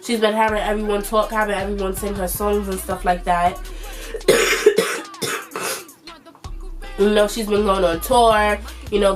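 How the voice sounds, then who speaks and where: A woman in her twenties with a stuffy, nasal voice, chatting loosely as a vlog host with plenty of fillers. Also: medium pitch. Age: 20s. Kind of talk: casual commentary.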